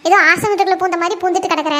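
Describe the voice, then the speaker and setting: Woman voicing a shrill scolding cartoon mother-in-law. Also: steady tone, a bit bright. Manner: scornful, nagging, rapid scolding. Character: sharp-tongued scolding village mother-in-law. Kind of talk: cartoon voice acting.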